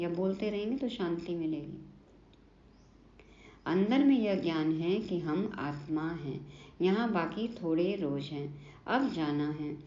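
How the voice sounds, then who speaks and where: A woman delivers an earnest devotional sermon in a lowish, mellow voice. She poses questions and answers them herself, nudging listeners with short prompts. The recording is roomy and slightly muffled. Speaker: spiritual teacher explaining a daily lesson.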